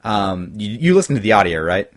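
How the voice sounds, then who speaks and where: A man's voice: fairly low pitch, very animated, brisk. Rambling man hosting a podcast. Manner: rambling, restarts often, swears casually. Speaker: podcast host. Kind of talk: casual podcast chat. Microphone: desktop USB mic.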